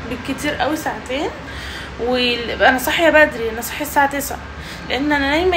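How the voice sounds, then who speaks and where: Young egyptian woman vlogging in her kitchen, high voice, noisy home video. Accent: Egyptian Arabic. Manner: chatty, talks to viewers while cooking. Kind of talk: casual cooking vlog.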